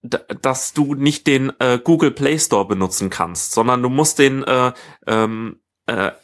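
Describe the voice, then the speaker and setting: A man co-hosting a casual tech podcast in a living room, rambling and often correcting himself mid-sentence. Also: medium pitch. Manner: rambling, halting, self-correcting. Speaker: podcast co-host.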